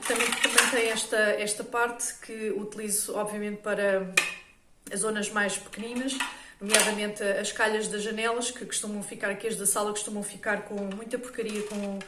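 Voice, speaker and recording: A woman's voice: medium pitch, level tone, normal speed. A woman with a European Portuguese accent who talks casually to her viewers and often checks in with them while showing household products. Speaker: home organisation vlogger. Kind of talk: casual product talk to camera. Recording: roomy echo, mic at a distance, faint noise.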